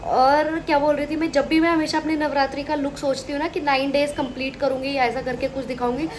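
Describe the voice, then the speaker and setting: A woman's voice: high-pitched, flat delivery, fast, rough recording. Chatty woman vlogger with a cold. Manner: chatty, rambling, addresses viewers directly. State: sick with a cold and fever. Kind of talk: casual family vlog narration.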